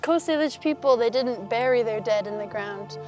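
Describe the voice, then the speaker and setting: High-voiced woman guiding a canoe tour. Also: moderate pace, music in the background. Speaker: tour guide. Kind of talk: guided tour talk. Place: outdoors on a canoe.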